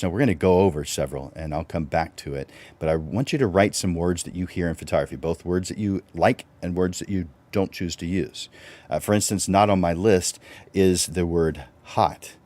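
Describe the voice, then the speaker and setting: Very low-voiced male host. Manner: relaxed, conversational, with fillers and restarts. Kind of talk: live-stream teaching talk.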